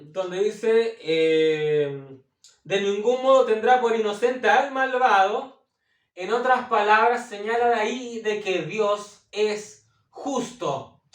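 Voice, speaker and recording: A man teaching from the Bible as a preacher, repeating phrases for emphasis, asking his listeners questions and often pausing on hesitation sounds. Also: sits high, recorded from a distance. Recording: echoey room, voice set back from the mic.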